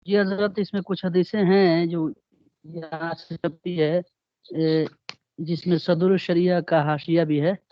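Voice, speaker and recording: A man's voice: on the high side, level tone, slow, dry recording, muffled recording. A man who is a student politely pointing out to his teacher which parts of the book are missing. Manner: deferential, addresses the teacher as hazrat. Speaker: student in the class. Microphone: remote call line.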